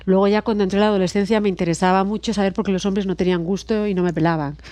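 A woman's voice: mid-range voice, rapid-fire, no room sound. A middle-aged woman from Spain with a Spanish accent, a guest psychologist telling stories expressively in casual podcast chat. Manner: lively, expressive storyteller, laughs often.

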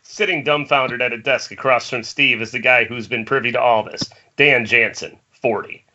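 A man serves as narrator for a table read, reading screenplay stage directions aloud from home over a group internet call. His mid-range voice has fairly even intonation, a sharp tone, and a moderate pace. The call audio is muffled and noisy, with clicks.

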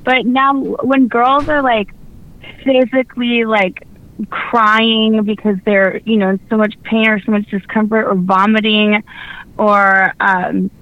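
A woman's voice: mid-range voice, little pitch movement, slow, no echo. A woman calling in to a radio show, chatting casually in a girlish, rambling way peppered with "like". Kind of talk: casual chat. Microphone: phone call into studio. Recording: dull, band-limited call-in line.

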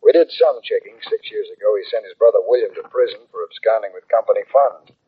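Brisk insurance boss, low husky voice, sounds far off, tinny old radio. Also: male voice. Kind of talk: 1950s radio drama acting.

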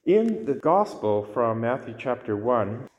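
A man speaking as a priest in a solemn, measured way, reading scripture and giving a homily in a church with a long cathedral echo. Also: medium pitch, sing-song, darkish tone, lo-fi sound. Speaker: priest reading the Gospel and preaching. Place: large reverberant church interior.

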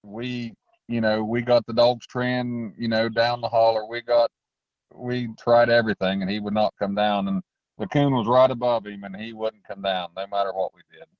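A man's voice: lowish voice, flat delivery, moderate pace, no room sound, dull audio. A man telling stories casually in a folksy, rambling way as an interview guest. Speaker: interview guest, raccoon hunter. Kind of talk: casual storytelling.

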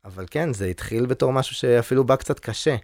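A man's voice: mid-range voice, darkish tone, no room sound, clean studio sound. A man talking as a podcast guest about his work as a DJ, rambling casually with lots of fillers. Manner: loose, rambling with many fillers. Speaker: guest DJ and producer.

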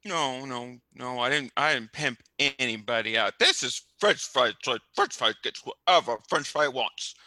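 A scheming cat-video manager, played by a man squeals and giggles in baby talk over his pet. His bright, lively voice swoops up and down. It is recorded close and dry. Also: medium pitch, a little slow, hardly any pauses, no room sound. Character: sleazy excitable male cat-video manager. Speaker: guest. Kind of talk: improvised comedy role-play.

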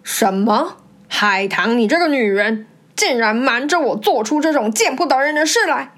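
A woman voicing a hot-tempered older wealthy man who bellows in a lowered voice for a storybook tale. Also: steady tone, measured pace, lightly acted. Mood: furious. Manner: angry, blustering. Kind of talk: storybook reading.

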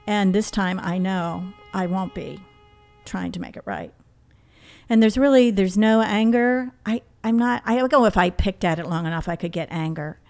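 A middle-aged woman, a therapist, telling a personal story in an interview in a reflective, halting way. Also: medium pitch, a little mellow, soft background music.

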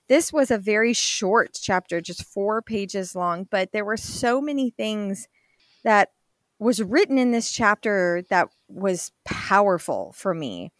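A woman hosts a faith podcast, introducing and then interviewing a guest with enthusiasm and encouragement. Her voice is medium-pitched and a bit bright, recorded at studio quality with no room sound.

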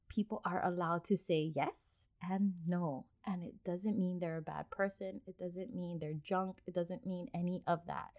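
A woman's voice: on the low side, darkish tone. A woman in her thirties hosting a podcast, giving casual, upbeat, encouraging advice to parents. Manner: upbeat, encouraging, acts out quoted voices. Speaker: podcast host.

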